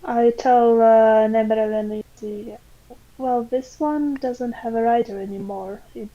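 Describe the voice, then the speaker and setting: A woman playing a tabletop game, describing her character's actions in measured phrases. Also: a little high, steady tone. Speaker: player. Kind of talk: casual tabletop game play. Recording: dull lo-fi mic.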